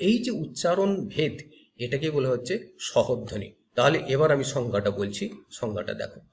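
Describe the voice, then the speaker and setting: A man's voice: medium pitch, slight background noise. A male teacher giving a grammar lecture, explaining step by step and asking and answering his own questions. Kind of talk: classroom lecture.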